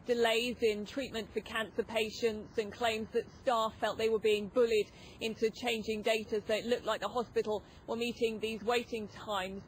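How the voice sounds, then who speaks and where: A woman's voice: fairly high pitch, poor audio. A woman giving a live news report as a field reporter. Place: outside a hospital. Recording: outdoor ambient noise behind.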